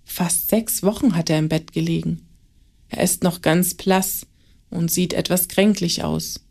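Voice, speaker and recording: Calm woman reading a story. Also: on the low side, vocal fry. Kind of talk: scripted children's story narration.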